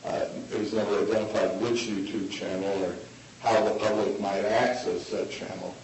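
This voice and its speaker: A man arguing as a lawyer in court, halting and hesitant, with very frequent uhs. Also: fairly low pitch, steady tone, a little mellow. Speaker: defense appeal lawyer. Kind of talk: oral argument in court. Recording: very echoey distant courtroom, faint noise.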